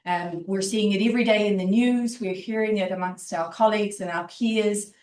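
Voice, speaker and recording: A woman with a New Zealand accent gives a formal, earnest welcome speech in a measured way. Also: mid-range voice, fairly even intonation, darkish tone. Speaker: university vice president giving a welcome address. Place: indoor university event room with online audience. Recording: echoey room, distant microphone.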